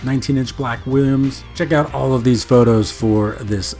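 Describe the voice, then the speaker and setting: A man with a medium-pitched voice hosts a casual car vlog, chatting in an upbeat way as he scrolls through auction listings. He reads bits of the listing notes aloud between his own remarks. Faint guitar music plays behind him. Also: moderate pace, darkish tone. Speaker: car vlogger. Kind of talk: casual screen-recording commentary.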